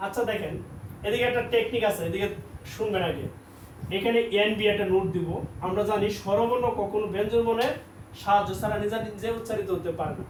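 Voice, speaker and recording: A man's voice: high voice, a little fast. A man teaching a classroom language lesson, drilling sounds and having the class repeat after him. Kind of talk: classroom lesson with call-and-response. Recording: echoey classroom from a distance with background noise.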